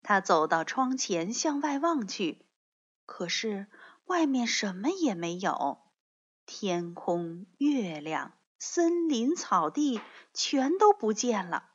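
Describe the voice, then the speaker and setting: A woman narrating a children's story in a gentle, expressive way. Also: mid-range voice, slow pace, slightly rough. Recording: dull lo-fi recording.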